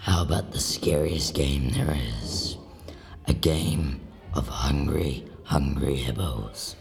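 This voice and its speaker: A girl doing a gravelly, ultra-deep hooded villain. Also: full character voice. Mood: menacing. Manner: slow, hushed and menacing. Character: menacing hooded male kidnapper, deep-voiced.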